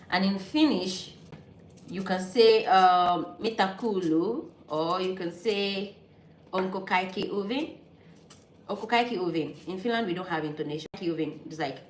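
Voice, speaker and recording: A woman from Nigeria, Yoruba her first language, chats slowly and easily with her viewers while she cooks at home. She suffers from an allergy, and her voice rings around an echoey kitchen. Steady noise sits clearly behind her. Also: fairly low pitch. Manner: chatty, easygoing, thinking aloud. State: pollen allergy, sneezing. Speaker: vlogger. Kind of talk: casual cooking vlog chat with live viewers.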